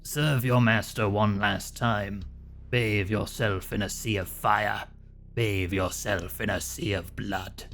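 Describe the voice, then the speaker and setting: Man putting on a slow, possessed demonic judge. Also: on the low side, steady tone, a bit bright, voice pushed down. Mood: commanding. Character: stern demonic judge pronouncing doom in fire and blood. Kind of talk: dramatic video game role-play. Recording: music behind the voice.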